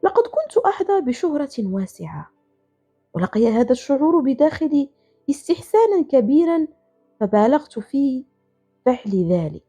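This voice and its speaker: A woman's voice: sits high, very animated, moderate pace, pauses often. A woman narrating a scripted first-person story in an earnest, emotional way. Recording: slightly dull, soft music behind.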